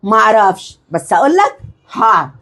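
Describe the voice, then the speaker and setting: A woman's voice: mid-range voice, big pitch swings, normal speed, a bit bright. A woman with an Egyptian accent in a comedic sketch, playing a nagging, suspicious wife.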